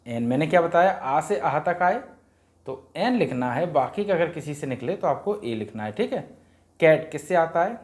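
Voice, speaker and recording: A teacher walks parents through a Hindi grammar worksheet, drilling vowels in a repetitive sing-song and answering his own questions. His voice is a little high and darkish, animated, at a moderate pace.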